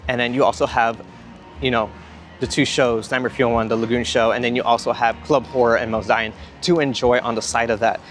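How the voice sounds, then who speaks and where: A man's voice: medium pitch, steady tone, a little fast. A young man vlogging outdoors at a theme park, rambling with enthusiasm, repeating himself and a bit out of breath. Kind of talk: casual rambling vlog talk. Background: music from nearby.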